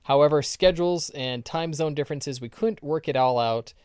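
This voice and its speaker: A man co-hosting a casual podcast, meandering through an anecdote with frequent ums and restarts. His voice is smooth and clear, recorded close and dry. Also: fairly high pitch, normal speed, a little mellow, no echo. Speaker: podcast co-host. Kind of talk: casual chat.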